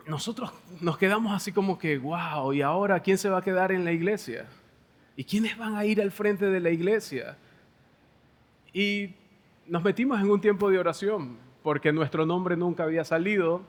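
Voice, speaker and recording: Venezuelan pastor, high voice, reverberant hall. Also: male voice. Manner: storytelling, animated, laughs between lines. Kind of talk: sermon with personal stories. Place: church hall. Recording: long church hall reverb.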